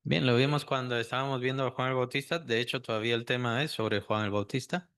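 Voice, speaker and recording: A man's voice: mid-range voice, fairly even intonation, fast talker, fairly bright tone, clean tone. A man teaching a Sunday school Bible lesson, asking the class questions and repeating key phrases.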